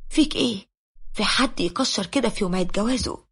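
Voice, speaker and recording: A woman's voice: medium pitch, fast talker, gravelly, a bit bright, slightly rough. A woman with an Egyptian accent voicing a devoted young wife who pleads with her husband. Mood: pleading.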